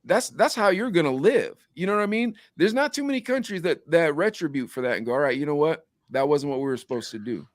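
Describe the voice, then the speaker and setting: A man's voice: fairly high pitch, expressive, fast talker, hardly any pauses, dry recording, clean studio sound. A man hosting a podcast, chatting casually and eagerly pressing his guest with teasing questions. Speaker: podcast host.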